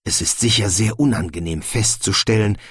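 A small, nervous creature muses aloud in a low, hesitant voice, as a male narrator puts him on. The tone is husky and the storybook recording is dry and close. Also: normal speed, fairly bright tone, no echo. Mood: musing.

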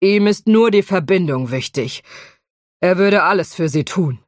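A woman voicing a drunk, boastful male dragon who is loud, drawn out and taunting in an audiobook. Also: a little high, animated, slow, no room sound, clean studio sound, pitched above the performer's own voice. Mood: knowing, ominous.

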